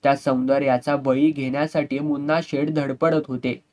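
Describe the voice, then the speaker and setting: A man reading a novel aloud in steady, dramatic audiobook narration. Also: medium pitch, normal speed.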